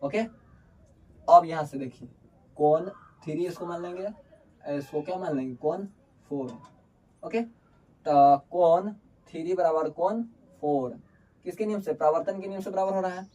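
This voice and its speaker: A man's voice: on the high side, unhurried, long pauses, mellow. A man teaching a board-exam lesson, asking questions and answering them himself and calling students "babu". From Bihar. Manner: colloquial, calls students "babu". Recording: distant mic with faint background noise.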